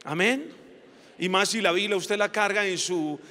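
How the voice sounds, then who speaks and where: A male pastor preaching a sermon with passion, his voice climbing to shouts at its peaks. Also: high-pitched, a little slow. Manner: impassioned preaching, rising to shouts. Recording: reverberant hall.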